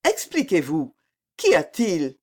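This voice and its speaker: A woman reading the part of an older queen mother who answers her son calmly and with gentle reproof. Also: deep voice, slow, exaggerated voice. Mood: reproving.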